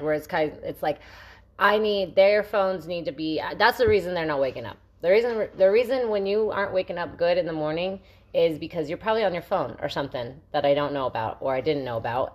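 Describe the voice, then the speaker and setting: A middle-aged woman co-hosting a podcast, talking in a blunt, venting way and swearing freely in casual chat. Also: deep voice. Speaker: podcast co-host.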